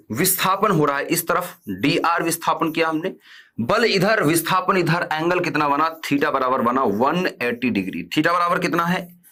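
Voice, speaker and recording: A man's voice: on the high side, bright, forceful tone. A man teaching a physics class online. He keeps asking his students questions, answers them himself and repeats key terms. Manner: stern when telling students to stop chatting.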